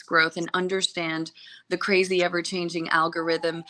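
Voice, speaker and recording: A woman with a lowish, pushed, bright voice, heard on a rough recording, appears as a podcast guest. Originally from the Seychelles but with an American accent, she's a travel journalist and social media consultant who tells her personal story in an earnest, chatty, wandering way.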